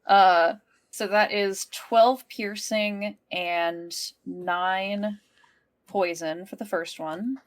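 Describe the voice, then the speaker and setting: A woman's voice: medium pitch, fairly even intonation, drawn-out words. A woman playing a tabletop game, chatting casually as she calls out her moves.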